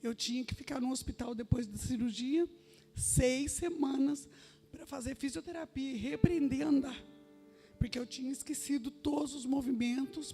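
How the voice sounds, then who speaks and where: Woman giving church testimony, high gravelly voice, earnest storyteller. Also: warm tone. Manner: earnest storytelling, quoting others in her own voice. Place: church sanctuary.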